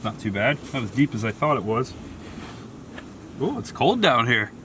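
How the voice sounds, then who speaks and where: A man narrating a casual solo exploring vlog, talking straight to his viewers in short, deliberate phrases. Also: mid-range voice, very animated, fairly bright tone, slight background noise. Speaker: solo explorer filming a cave tour for viewers. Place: on a forest trail and in a small cave.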